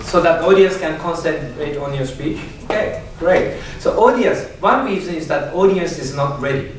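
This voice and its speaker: A man teaches a speech class in a classroom lesson, asking questions and laughing often. His voice is on the high side at a normal speed, recorded from across the room with echo and background noise.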